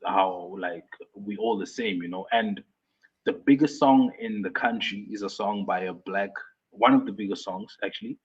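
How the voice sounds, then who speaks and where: A young South African man, a guest artist on a video call, explains things casually in a fairly low, breathy voice, with many fillers and restarts. It's a relaxed interview chat captured in muffled, lo-fi remote audio.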